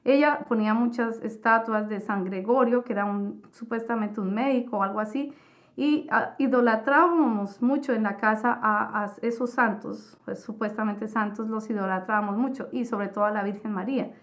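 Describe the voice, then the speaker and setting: A woman giving a personal religious testimony, retelling her story in an earnest, halting way. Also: on the high side. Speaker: testimony giver.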